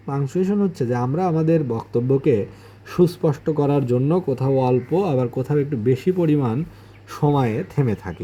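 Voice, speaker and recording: A male teacher works through basic grammar definitions one at a time. His voice is very dark and slightly husky, and he rephrases each point in plainer words. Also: mid-range voice, muffled recording. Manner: defines each term, then restates it in simpler words. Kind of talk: explanatory lesson.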